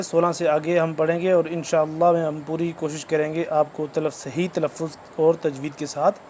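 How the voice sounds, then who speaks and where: A man with a fairly high, level voice gives a recorded lesson on Quran recitation. He speaks in a measured, formal way and explains each point step by step, with a faint background hiss. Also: darkish tone. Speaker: Quran teacher.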